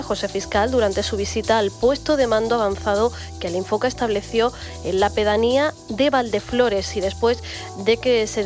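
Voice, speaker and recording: Measured woman reading radio news. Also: on the high side. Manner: clear, measured newsreader delivery.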